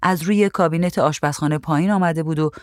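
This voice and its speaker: A woman reading a story aloud in a calm, even voice. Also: low-pitched, dry recording, clean studio sound. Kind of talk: storybook narration.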